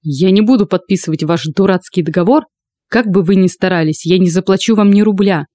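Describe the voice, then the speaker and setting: A woman voicing a stout, blustering man in an audiobook, speaking in a gruff, measured way. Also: mid-range voice, dark tone, no room sound, close to an everyday voice. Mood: angry. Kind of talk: audiobook character voice.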